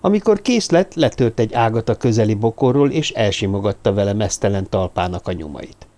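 A man's voice: lowish voice, lively intonation, mellow. Man narrating a suspense audiobook. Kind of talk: scripted narration.

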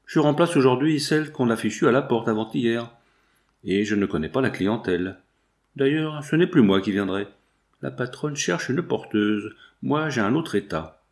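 A man's voice: medium pitch, animated, normal speed, close to an everyday voice. A man voicing a sulky young bread delivery woman in an audiobook, in a voice close to his own. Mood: sullen.

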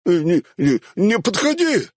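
A man's voice: a little slow, breathy edge, dry recording, clean studio sound. Man doing a stammering, cowardly road bandit. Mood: panicked. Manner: stammering with filler sounds, shrill when scared. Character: cowardly scarred male road bandit, jittery.

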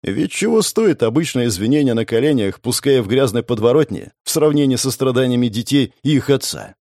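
A man narrating a first-person fantasy audiobook in a measured storytelling manner. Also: medium pitch, lively intonation, a little mellow, no echo, clean studio sound.

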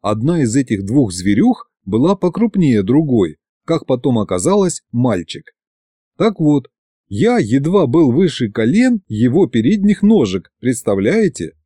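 A man narrates an audiobook in a chatty, lively storytelling manner. His pitch rises and falls freely and his tone is dark and mellow. The sound is dry and close. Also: measured pace, breathy edge, dry recording.

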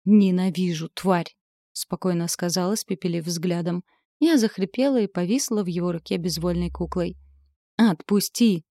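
Woman, audiobook narrator, expressive first-person reading, mellow, dry close recording. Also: lowish voice, a little fast, dry recording.

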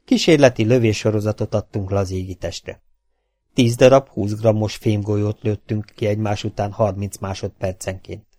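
A Hungarian man narrates an audiobook in a steady, measured read. His voice is low, and the close, dry recording has almost no room sound. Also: no echo. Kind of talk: scripted narration.

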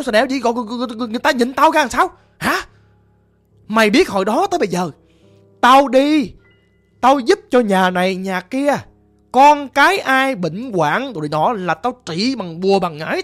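Woman doing a harsh old sorcerer dad, yelling insults at his son. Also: a little high. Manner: berating, shouting insults. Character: harsh old male sorcerer father, scolding.

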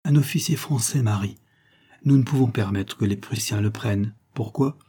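A man voicing an excitable male innkeeper, a former soldier, who urgently shouts warnings in a husky voice. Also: lowish voice, normal speed. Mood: indignant.

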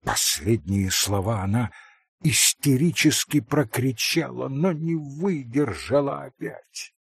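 A man narrates an audiobook slowly and expressively. His voice is gravelly and husky, and his pitch moves freely. The recording is close and dry. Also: expressive, dry recording.

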